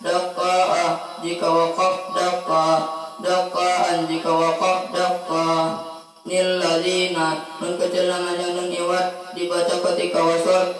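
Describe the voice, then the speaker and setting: Male student, high monotone, rote rapid recitation with chanted Arabic terms; distant mic in a very echoey room. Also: faint music behind. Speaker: student taking an oral exam. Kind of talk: reciting memorized recitation rules.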